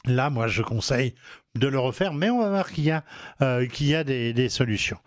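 A man's voice: mid-range voice, lively intonation, normal speed, no room sound. A man with a regional French accent hosting a home advice talk show, hesitant with many fillers and restarts. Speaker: radio show host.

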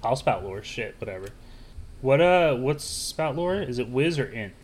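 Brief: playful male gamer, bouncy expressive delivery. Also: mid-range voice, moderate pace. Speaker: player. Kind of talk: casual tabletop play.

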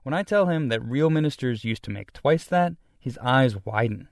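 A male radio reporter narrating a scripted news feature in a measured storytelling delivery. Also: medium pitch, lively intonation, no echo, clean studio sound.

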